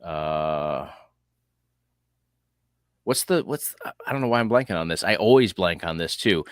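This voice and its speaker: A man's voice: sits low, expressive, a little slow, no room sound, clean studio sound. A man hosting a casual livestream chat, rambling and thinking aloud with frequent restarts. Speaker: host.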